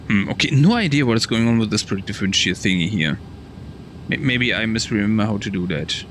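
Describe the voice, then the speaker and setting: Man, low voice, casual flight sim commentary, thinking aloud, muttered checklist talk, clear cockpit hum behind. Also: fairly quick. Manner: muttering to self through checklist steps, exclaiming mildly. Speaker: flight simulator streamer playing the pilot. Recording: steady noisy cockpit ambience behind. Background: simulated aircraft cockpit hum.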